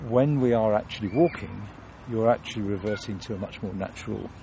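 A man's voice: on the low side, fairly quick, gravelly, mellow, slight background noise. A man from London, a guest in an interview, talking thoughtfully with many restarts and fillers.

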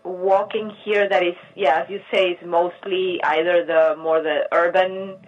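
A middle-aged artist from Argentina, giving thoughtful interview answers and searching for words with frequent restarts. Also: female voice, on the low side, level tone, a little slow. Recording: muffled lo-fi line.

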